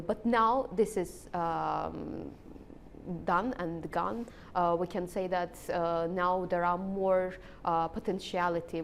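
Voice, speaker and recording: A woman with an Azerbaijani accent answers political questions in an interview. Her voice sits a little low, and she speaks haltingly, hunting for the right word. A faint rumble runs behind her. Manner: halting, searching for words. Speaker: interviewed analyst. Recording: rumbling background noise.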